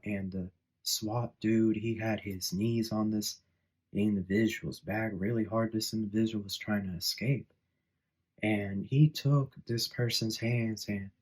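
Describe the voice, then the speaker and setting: Man, lowish voice, casual tarot reader, rambling and full of fillers. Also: rough recording. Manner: rambling, filler-heavy storytelling. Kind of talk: casual spoken tarot reading.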